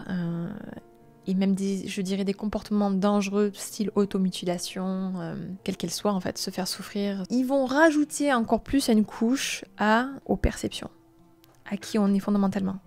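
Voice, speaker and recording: A woman in her late twenties hosting a live-streamed self-help talk, speaking softly and gently, sometimes dropping to a near-whisper, with many reflective hesitations. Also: medium pitch. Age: late 20s. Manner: soft and gentle, drops into a near-whisper at times.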